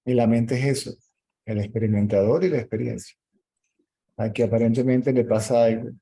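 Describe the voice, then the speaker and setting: Dark-voiced calm spiritual teacher, man. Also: medium pitch, brisk, slightly rough, rough recording. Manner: calm, explanatory, checks in with "¿sí?". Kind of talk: answering questions in a meeting.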